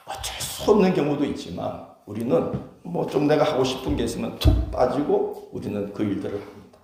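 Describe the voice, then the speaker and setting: A man with a Gyeongsang accent delivers a Sunday sermon, often turning to the congregation with questions. His voice is mellow and warm, and his pitch moves a lot. The sound rings heavily around a large church sanctuary. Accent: Gyeongsang Korean. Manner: conversational preaching with questions to the congregation. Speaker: pastor. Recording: very echoey church hall.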